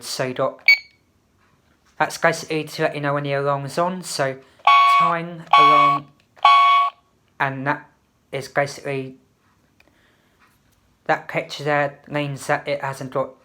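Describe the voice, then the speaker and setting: A woman's voice: deep voice, steady tone, unhurried, long pauses. A woman casually reviewing a product, demonstrating it step by step in a hesitant way. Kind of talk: casual unboxing and review chat. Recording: faint background noise and clicks.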